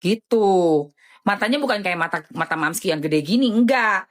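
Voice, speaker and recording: A woman hosting a casual live stream, chatting animatedly in slang and selling skincare. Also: moderate pace. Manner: animated, chatty, jumpy pitch swings, lots of slang.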